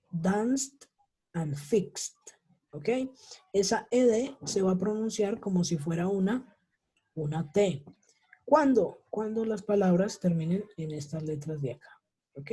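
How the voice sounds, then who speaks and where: Slow, husky-voiced teacher. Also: male voice, sits high, dark tone. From Colombia. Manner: checks in with "¿sí?" and "¿ok?" constantly, drills example words slowly. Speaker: English teacher. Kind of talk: online class explanation. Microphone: video call.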